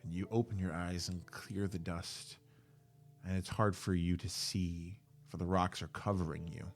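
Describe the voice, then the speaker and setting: A man narrating a tabletop game as game master, halting, with frequent fillers and self-corrections. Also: deep voice, steady tone, soft background music.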